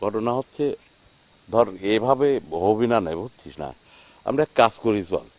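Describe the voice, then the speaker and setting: A man's voice: fairly low pitch, animated, moderate pace, lightly acted. An actor playing an exasperated young village man, pleading and agitated. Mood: weary.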